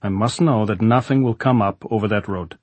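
A man's voice: on the low side, fairly quick, a little mellow, breathy edge, no echo. A man voicing a brusque, emphatic Soviet military general, exasperated with his orders, in an audiobook. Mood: commanding. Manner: emphatic, stern military officer. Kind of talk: audiobook character voice.

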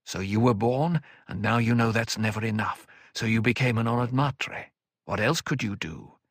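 A man voicing a calm, cutting older woman mentor in an audiobook, speaking in a measured, dry way. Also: lowish voice, no room sound, lightly acted. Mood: cool.

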